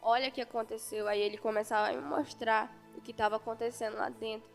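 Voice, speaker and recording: High-voiced Brazilian woman testifying in a church hall. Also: steady tone, fast, creaky, soft background music. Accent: Amazonas Brazilian Portuguese. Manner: earnest storytelling, quoting the angel and herself in dialogue. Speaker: church member giving testimony. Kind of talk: testimony of a vision in a church service.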